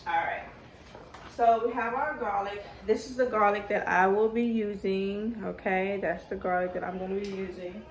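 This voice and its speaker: A woman's voice: mid-range voice, steady tone, normal speed. A woman who talks with braces, giving a casual cooking demonstration and thinking aloud in an informal way. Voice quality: speaking with braces. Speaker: home cooking vlogger. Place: home kitchen. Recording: roomy, distant mic, faint noise.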